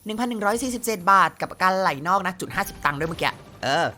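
A woman's voice: mid-range voice, animated, rapid-fire, pushed and bright, faint music behind. A woman streaming a slot game, chatting playfully with her viewers and exclaiming at each spin in casual gameplay commentary.

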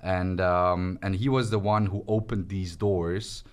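A man's voice: deep voice, unhurried. A young man from Switzerland, telling his story casually as a guest in a small podcast studio. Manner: relaxed, chatty storytelling with gestures. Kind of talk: casual interview conversation. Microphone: studio mic on stand.

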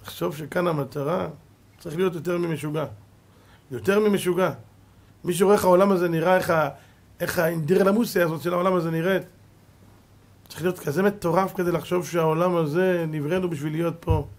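A male rabbi giving a Torah lesson, preaching emphatically and swinging between loud and soft as he tells stories. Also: high-pitched, steady tone. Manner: storytelling with acted quotes.

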